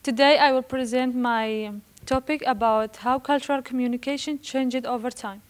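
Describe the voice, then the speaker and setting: Presenting as a student, a young Iraqi woman speaks in a high voice with fairly even intonation. She reads her formal academic text carefully but nervously, and her halting delivery is marked by frequent restarts of stumbled words.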